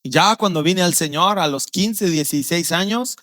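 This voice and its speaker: A male pastor with a Guatemalan Spanish accent preaching a sermon, telling stories with vivid acted-out voices and dropping low and quiet on serious points. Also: moderate pace, dry recording. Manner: storytelling, acting out quoted voices with sudden loud outbursts.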